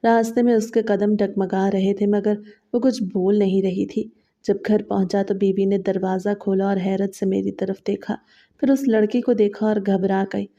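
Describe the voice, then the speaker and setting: A woman storyteller reading a scripted horror tale in the first person. Her voice is very dark and mellow, and her delivery barely moves in pitch. The recording sounds muffled and lo-fi. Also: little pitch movement.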